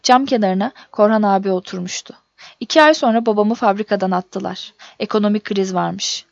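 A woman reading a first-person story aloud in a steady, measured audiobook narration. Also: medium pitch, gravelly, no echo. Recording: dull dry recording.

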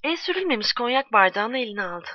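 A woman narrating a story in a steady, measured reading voice. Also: a little high, no echo. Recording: dull, dry, lo-fi recording.

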